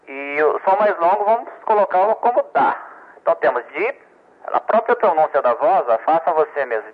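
Man teaching over tinny radio. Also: on the high side. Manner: patient, repetitive, stammers on words, checks with "ok?" and "né?". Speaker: telegraphy instructor. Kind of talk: explanatory lesson.

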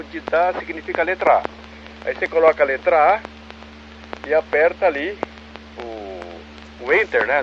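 A man calling in as an amateur radio operator over a two-way radio, explaining a practice method patiently and step by step. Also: a little high. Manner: explains patiently in small steps. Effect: heard over a two-way radio transmission. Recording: muffled radio transmission with clear static hiss.

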